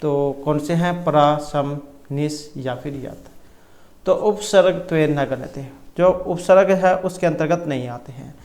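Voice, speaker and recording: A man's voice: a little high, measured pace, a little mellow. A man teaching an exam-prep lesson, explaining multiple-choice answers and reciting terms and grammar rules one by one. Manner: self-corrects mid-sentence. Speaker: Sanskrit exam tutor.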